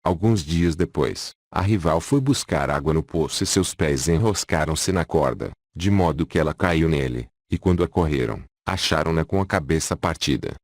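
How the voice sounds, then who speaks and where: A man narrating an audiobook in a measured, solemn reading style. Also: a bass voice, lively intonation, dry recording, studio quality. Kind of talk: scripted narration.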